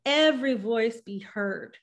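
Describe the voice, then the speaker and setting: Fairly high-pitched and measured, a young woman speaks as a podcast guest over a video call. She's at home with a bookshelf and patterned wall hanging behind her, using a studio microphone on a boom arm, and in this easygoing interview she weighs her thoughts, restarts often, and gestures animatedly.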